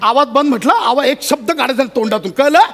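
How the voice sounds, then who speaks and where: A man performing a stage comedy sketch, blustering and shouting at the others. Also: extremely high pitch, fast talker, heavy background noise. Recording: stage show with loud music and audience laughter.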